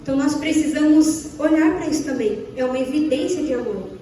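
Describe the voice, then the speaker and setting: Speaking a little fast with lively intonation, a young Brazilian woman delivers a sermon to a church, posing repeated questions and playing out short dialogues. Her high, mellow voice carries a Brazilian Portuguese accent. The recording is distant and echoey in a church hall, with a faint hiss or hum.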